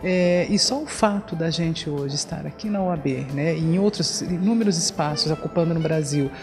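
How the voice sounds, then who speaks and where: A woman's voice: deep voice, normal speed, a little mellow, faint music behind. A woman in her forties, a lawyer on a diversity commission, giving an earnest, fluent on-camera interview in an indoor room into a handheld mic.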